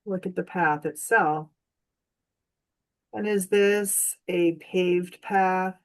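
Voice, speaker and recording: Her voice is lowish and steady as she leads a guided meditation in a soothing, gentle way. She takes her time, leaving long silences between phrases.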